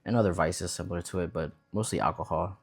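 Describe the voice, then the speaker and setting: A young man raised in Vietnam, a vlogger, chats in a laid-back, rambling way while eating at home for a casual eating vlog. His voice sits low and he talks quickly.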